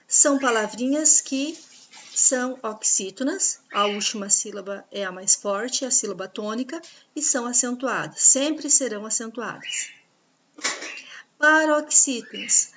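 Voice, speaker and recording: A woman teaching a grammar lesson, patiently explaining rules and spelling out examples slowly. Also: a little high, a bit bright, slight background noise. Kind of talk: grammar lesson over slides.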